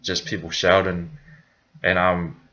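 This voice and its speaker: A man's voice: low voice, level tone, measured pace, bright, forceful tone, highs cut off. A young man from New Zealand with a New Zealand accent, casually telling his own story in a vlog, rambling with many fillers and self-corrections.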